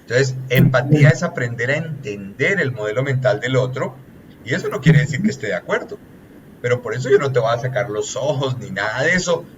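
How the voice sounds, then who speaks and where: A man's voice: medium pitch, animated, brisk, background noise. Earnest man, muffled recording. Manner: earnest, teacherly, lists points, often says "etcétera". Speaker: relationships consultant, guest. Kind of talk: explanatory coaching talk.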